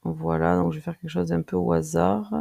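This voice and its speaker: Heavily gravelly, dark-voiced tutorial presenter. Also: medium pitch, fairly even intonation. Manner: hesitant, frequent filler pauses while clicking through; friendly, addresses viewers directly. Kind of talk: casual screen-recorded tutorial.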